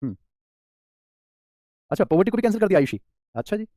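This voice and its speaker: Fast-talking Indian grammar teacher. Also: male voice, sits high, very animated, dark tone, no room sound, studio quality. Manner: addresses students as beta, repeats key terms slowly. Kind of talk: online class lecture.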